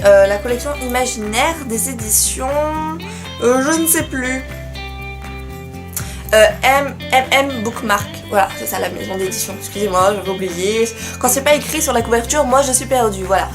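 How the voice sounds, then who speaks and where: A young woman chatting casually to camera as a book vlogger, self-mocking and full of fillers. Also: fairly high pitch. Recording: faint music behind.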